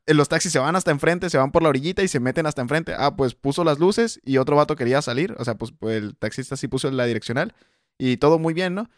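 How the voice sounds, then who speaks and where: Young man, quick rambling story, dry close mic. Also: a little high, animated, no room sound. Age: young adult. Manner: rambling anecdote, fillers, chuckles. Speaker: podcast co-host. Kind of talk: casual storytelling chat.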